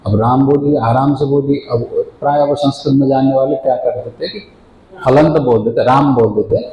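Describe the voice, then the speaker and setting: A man giving a devotional sermon as a spiritual teacher, explaining patiently, asking questions and answering them himself, and slowly drawing out chanted words. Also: medium pitch, highs cut off. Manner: chants the divine name slowly and drawn out. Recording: echoey room with faint ambient noise.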